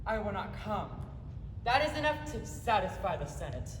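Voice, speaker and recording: A woman's voice: medium pitch, big pitch swings, normal speed, noisy background, close to an everyday voice. Young woman playing proud Julius Caesar, echoey hall. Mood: firm. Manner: declamatory, commanding. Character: proud, imperious Roman ruler Julius Caesar, male. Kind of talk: Shakespearean stage acting, student production. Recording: echoey hall from far off, music behind.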